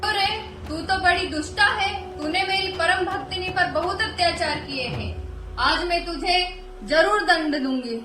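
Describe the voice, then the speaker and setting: A woman voicing a stern, solemn mother goddess in an animated story. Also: very high-pitched, a little slow, background noise. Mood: wrathful. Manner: commanding, solemn. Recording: echoey room from far off, music behind.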